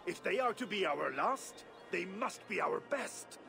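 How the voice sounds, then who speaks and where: Guthrum, a gentle old Viking king. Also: high-pitched, lively intonation, creaky, over music, exaggerated voice. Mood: calm. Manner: slow, gentle, laughs often. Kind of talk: video game cutscene acting.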